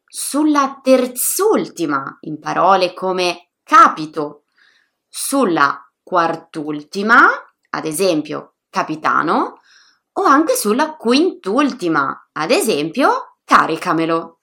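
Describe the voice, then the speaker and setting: A woman teaching pronunciation in a lively, upbeat scripted lesson, speaking directly to learners. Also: lowish voice, slow pace. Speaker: Italian teacher.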